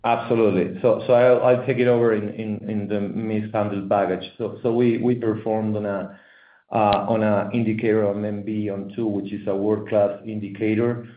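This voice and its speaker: Guy presenting over a choppy conference call, low flat voice, tinny phone sound with echo, keeps stumbling and repeating words. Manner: halting, stumbling delivery with many repeated words. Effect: heard over a conference call line that keeps cutting out. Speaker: company executive presenting quarterly results.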